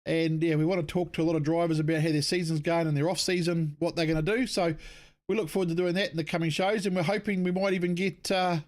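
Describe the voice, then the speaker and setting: A man's voice: fairly high pitch, steady tone, quick pace. A man with a New Zealand accent co-hosting a casual live show in an informal, rambling way. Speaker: co-host.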